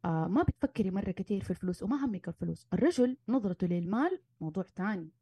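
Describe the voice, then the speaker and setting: A woman, a marriage and family therapist giving animated advice in casual conversation and slipping in English terms. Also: mid-range voice, racing, husky, no echo. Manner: animated, acts out arguments, mixes in English terms.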